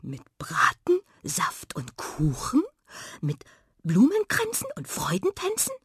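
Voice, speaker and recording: A woman voicing a soft-spoken male hare who talks in a slow, lower, whispery voice. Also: sing-song, breathy edge, no echo, clean studio sound, exaggerated voice. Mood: dreamy.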